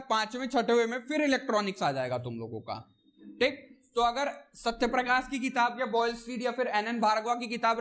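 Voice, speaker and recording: A man with a very high-pitched voice lectures a physics class in speech. He talks in a loose, chatty way, repeating checks like "theek na" and teasing or scolding the students as he goes. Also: a bit bright. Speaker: physics teacher.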